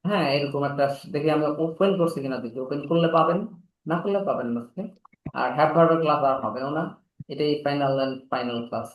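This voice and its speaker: A man teaching an online English class, rattling off quick explanations and then slowing down for model sentences. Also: fairly high pitch, reverberant, rough recording. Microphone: video call.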